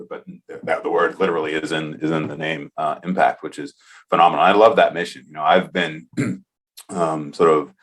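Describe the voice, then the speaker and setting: A man's voice: rumbling low, fairly bright tone. A man in his forties hosting a podcast interview, talking earnestly and enthusiastically as he thinks aloud. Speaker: podcast host. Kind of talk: casual interview conversation.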